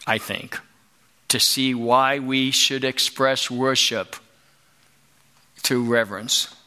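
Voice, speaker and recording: Slow, bright-voiced male preacher. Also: medium pitch, clean tone. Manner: slow, emphatic, rising to loud exclamations. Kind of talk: sermon.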